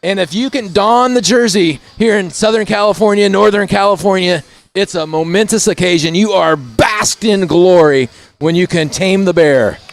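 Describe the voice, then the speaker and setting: A man's voice: sits high, moderate pace. A man from Indiana giving chatty, folksy live commentary at a bike race. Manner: chatty, folksy, keeps saying "if you will".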